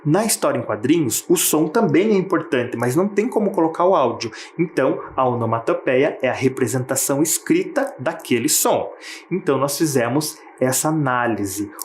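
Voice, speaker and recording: A man with a Brazilian Portuguese accent teaches schoolchildren on television in a patient, explanatory way, often turning to the viewer with questions. His voice sits at an ordinary pitch for a man. The recording is roomy and echoey, with a faint hiss underneath. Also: lively intonation, normal speed. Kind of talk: televised lesson for children.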